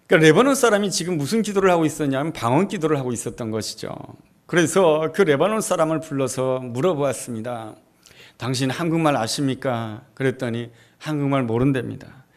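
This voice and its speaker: A man delivers a sermon from a church pulpit in a high-pitched voice. His telling is emphatic, and it rises into fervent, forceful peaks. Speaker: pastor. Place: church sanctuary.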